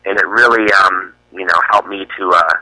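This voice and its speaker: A man's voice: low voice, fairly even intonation, moderate pace, pushed and bright, no echo, poor audio. A young man from the US East Coast, a musician answering interview questions in a casual, hesitant way with many fillers and restarts. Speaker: musician guest.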